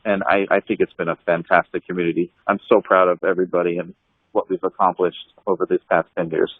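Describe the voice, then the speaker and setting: A low-pitched man with a flat, quick delivery reminisces casually on a group call, heard as dry, tinny call audio. An anti-scam blogger, he rambles with lots of fillers and restarts and laughs often while telling stories.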